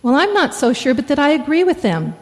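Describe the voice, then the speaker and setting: A woman acting a gently scolding, disapproving wife and mother in an old-time radio play. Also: sits high, big pitch swings, a little fast. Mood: reproachful. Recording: reverberant hall, stage radio play.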